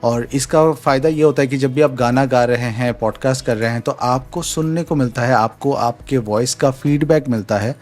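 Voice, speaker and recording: A man explains a microphone setup step by step in a relaxed demo tone, slipping English phrases into his talk. His voice sits at an ordinary middle pitch. He talks into a desk mic in a home room, with faint music underneath. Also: moderate pace, few pauses. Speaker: tech reviewer. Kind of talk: casual product demo. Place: home room with a fan running. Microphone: studio USB mic at varying distance.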